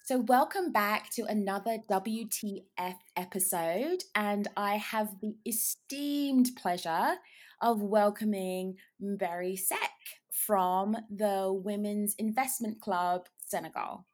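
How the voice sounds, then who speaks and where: A woman's voice: mid-range voice, takes it slowly, darkish tone. A woman hosting a podcast interview in a casual, conversational style. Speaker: podcast host.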